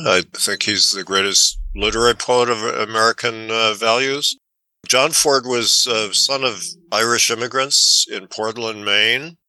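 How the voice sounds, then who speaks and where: A man's voice: fairly low pitch, pushed and bright, dry recording. A man in his seventies, a film historian talking in an interview, heard through a tinny tin-can sounding mic, speaking thoughtfully with restarts and fillers. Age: 70s. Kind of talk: conversational interview. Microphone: poor home microphone setup.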